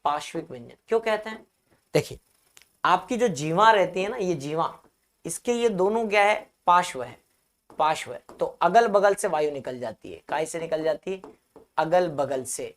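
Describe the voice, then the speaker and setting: A man's voice: fairly high pitch, lively intonation. Man drilling a grammar lesson. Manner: drills by asking and answering his own questions; repeats key terms slowly for note-taking. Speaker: Hindi teacher. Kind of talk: live online grammar class.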